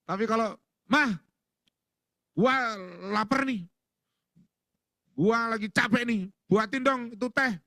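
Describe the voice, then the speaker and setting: A man's voice: fairly high pitch, pushed and bright, no echo, clean studio sound. A middle-aged male pastor preaching a sermon in a church, folksy and joking, acting out little household exchanges.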